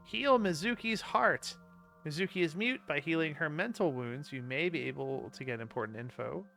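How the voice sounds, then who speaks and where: A man's voice: fairly high pitch, expressive, brisk, vocal fry, fairly bright tone, faint music behind. A man giving casual, rambling and joking playthrough commentary as he reacts to a video game. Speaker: gaming streamer.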